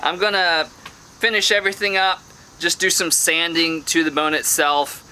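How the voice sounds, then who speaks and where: A man's voice: fairly high pitch, level tone, moderate pace, bright, forceful tone, clear, resonant tone. A man talking casually through a bone carving project in his workshop, thinking aloud with frequent fillers. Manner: thinking aloud with many "um"s, upbeat when things work.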